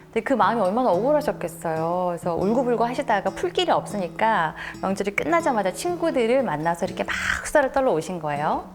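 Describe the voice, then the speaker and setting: Animated woman telling a story. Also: mid-range voice, fast talker, few pauses, soft background music. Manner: storytelling, acts out the angry quotes loudly. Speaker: communication coach giving a lecture. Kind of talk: lecture with acted-out quotes.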